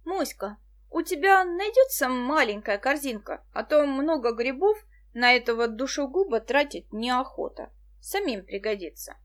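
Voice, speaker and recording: A woman reading the part of a lively, practical, outspoken girl in an audiobook. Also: high voice, moderate pace.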